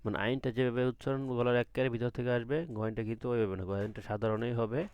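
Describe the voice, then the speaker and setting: A man's voice: medium pitch, little pitch movement, rapid-fire, smooth, highs cut off. A man teaching an online Quran class, patiently asking questions and drawing out letter sounds from the throat. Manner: patient, asks the class questions and answers them himself.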